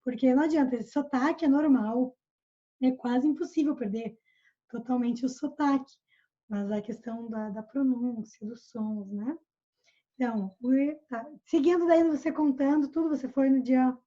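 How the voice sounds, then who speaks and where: A woman's voice: high voice, unhurried, dark tone. A Brazilian woman teaching English over a video call, explaining patiently and repeating examples. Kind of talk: online English lesson. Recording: muffled video call audio.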